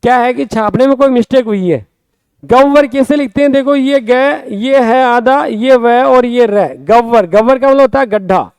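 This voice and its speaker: A man with a very high voice teaches a Hindi grammar lesson in a Rajasthani accent, spelling out words slowly and repeating them. His tone is smooth and resonant, recorded dry and close with no room sound. He keeps turning to his students with quick questions. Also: darkish tone, no room sound. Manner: often asks the class quick questions.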